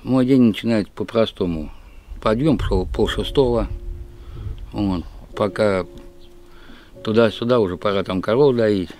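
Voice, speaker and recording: A man's voice: lowish voice, a little slow, long pauses, darkish tone. A middle-aged man from Russia talking plainly and matter-of-factly about his daily routine, outdoors in a village yard. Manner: plain, matter-of-fact, folksy. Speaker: village father, interviewee. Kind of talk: casual chat.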